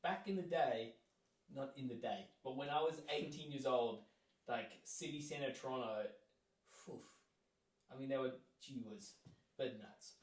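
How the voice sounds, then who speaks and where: A man's voice: mid-range voice, measured pace. A man in his twenties from South Africa, an interview guest telling a story casually, with lots of "like" fillers and acted-out quotes. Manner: rambling, lots of "like" fillers, acts out quoted lines. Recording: roomy echo, mic at a distance.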